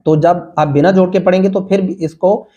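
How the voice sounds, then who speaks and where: A man's voice: sits high, steady tone, warm tone, muffled recording. A man teaching Quran reading, spelling out letters and vowel marks patiently and chanting the words drawn out. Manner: slow, patient drilling, sings recited phrases drawn out.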